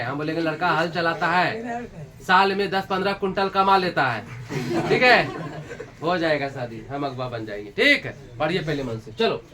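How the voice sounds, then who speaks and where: High-voiced teacher drilling a class. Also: male voice, pushed and bright. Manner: repetitive, drills students with questions; scolding and joking with students. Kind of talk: classroom lecture.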